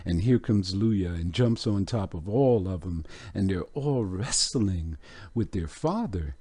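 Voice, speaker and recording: A man with a low voice teaches scripture at an unhurried pace, breaking down word meanings before turning to animated storytelling. The recording is dry and close. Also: husky, no echo. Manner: vivid storyteller, acts out scenes. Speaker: Bible teacher. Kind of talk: storytelling sermon.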